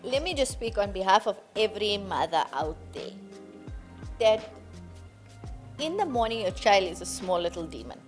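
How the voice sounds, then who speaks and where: Lively, animated woman co-host. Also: mid-range voice, normal speed, pauses often, faint music behind. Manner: animated, laughs often while telling stories. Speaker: podcast co-host; mother. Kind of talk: casual chat.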